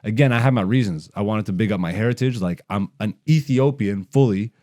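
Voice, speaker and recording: A Canadian man, a stand-up comedian hosting a podcast, speaks in a lowish, warm voice at a brisk pace. He was raised in Canada, and his rant is casual, blunt, slangy, and full of swearing.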